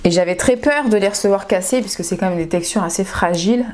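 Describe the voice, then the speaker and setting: A woman's voice: mid-range voice, fast, a little mellow. Gushing young Frenchwoman showing makeup. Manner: gushing and enthusiastic, repeats words for emphasis. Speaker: beauty vlogger. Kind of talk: casual makeup haul vlog.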